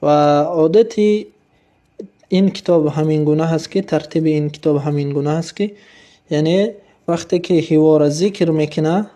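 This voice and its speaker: A man teaches a recorded Arabic lesson. His voice sits fairly high but sounds mellow and soft-edged. He drills each phrase slowly and repeats it before explaining.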